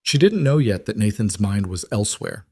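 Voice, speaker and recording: Deep-voiced man narrating a story. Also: big pitch swings, normal speed, darkish tone, slightly rough, no echo, clean studio sound.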